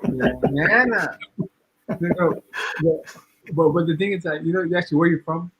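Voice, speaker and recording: A Ghanaian man co-hosting a podcast tells a story casually and chattily, constantly checking in with the listener and repeating "you know what I'm saying". His husky voice is a little high with a fairly bright tone, at a moderate pace, and the audio is poor.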